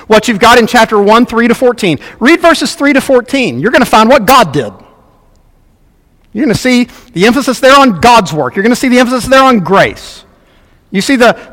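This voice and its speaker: Pastor, male, higher voice, emphatic earnest sermon delivery, long hall reverb. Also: fairly bright tone. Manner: earnest, emphatic preaching with repetitions.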